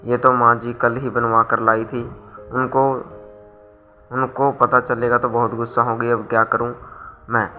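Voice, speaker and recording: A man's voice: mid-range voice, flat delivery, a little slow, long pauses, pushed and bright, highs cut off, soft background music. A man voicing a sly young woman, the elder daughter-in-law in a storybook tale, who blames others. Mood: scheming.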